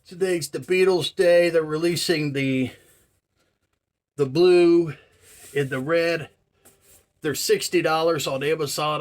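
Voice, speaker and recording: A man in his forties talking in a casual, rambling monologue, full of "you know" and "man", with earnest, marvelling emphasis. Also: mid-range voice. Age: 40s. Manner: chatty, filler-heavy, says "man" and "you know" a lot. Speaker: vlogger.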